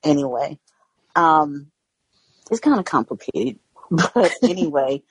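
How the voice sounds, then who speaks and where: A woman's voice: low voice, lively intonation, takes it slowly, slightly rough, no echo, low-quality recording. An American woman chatting casually in a rambling, folksy way. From Georgia and various parts of the US. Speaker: book club member, first-time participant. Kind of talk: casual chat.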